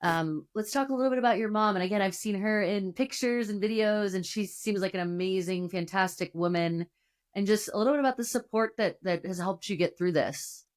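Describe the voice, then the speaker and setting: A woman's voice: mid-range voice, brisk. Chatty woman interview host. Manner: warm, rambling questions with fillers. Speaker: podcast host. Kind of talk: conversational interview.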